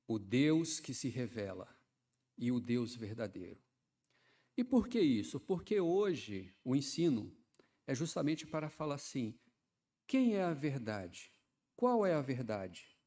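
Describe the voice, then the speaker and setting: A man, preaching a sermon in a chatty style that swells into loud, fervent emphasis. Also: mid-range voice, big pitch swings, unhurried, long pauses. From Ceará, Brazil. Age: 50s. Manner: conversational preaching, often adds "né", builds to loud fervent emphasis.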